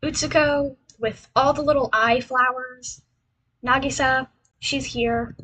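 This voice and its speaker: Introducing herself on a livestream over a slideshow, this young woman plays a cute anime-style VTuber and rambles casually, repeating herself in a self-deprecating way. She speaks slowly in a high, bright, forceful voice with a steady tone. The recording is low quality and carries slight background noise.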